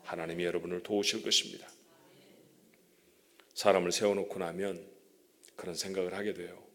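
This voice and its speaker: A man's voice: sits low, flat delivery, a little fast, a bit bright. Man preaching a conversational sermon. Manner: conversational, often checks in with the congregation; says he stutters. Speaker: guest pastor. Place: church sanctuary.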